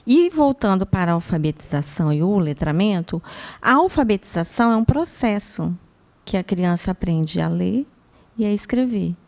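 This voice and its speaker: Measured woman educator. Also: mid-range voice, animated, vocal fry, darkish tone. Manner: explanatory, measured, teacherly. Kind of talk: casual chat.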